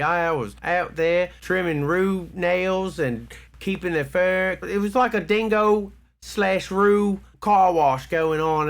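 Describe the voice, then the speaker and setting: A man doing a put-on Australian bloke voice, drawling and laid-back, riffing comedically over an old cartoon. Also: high-pitched. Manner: drawling, peppering lines with "mate". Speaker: co-host. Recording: music playing behind.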